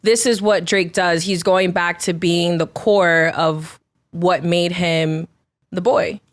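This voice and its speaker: A woman's voice: lowish voice, steady tone, slow. Laughing woman in casual chat. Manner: enthusiastic, laughs often. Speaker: podcast guest.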